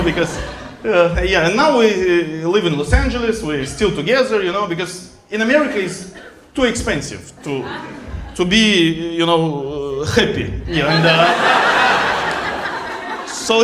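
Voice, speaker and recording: A middle-aged man from Russia with a Russian accent, performing stand-up comedy in broken English with deadpan delivery. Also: high voice, a little hiss or hum. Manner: deadpan jokes in broken English, pausing for laughs. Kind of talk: stand-up set. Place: comedy club stage in Berlin. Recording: echoey club with loud audience.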